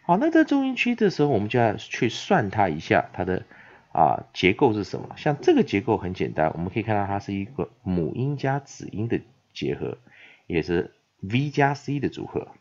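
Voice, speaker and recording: A man gives an English pronunciation lesson, sounding out words slowly, repeating them and filling gaps between phrases with many filler sounds. His voice is lowish, darkish and sing-song, and the recording is dull and lo-fi.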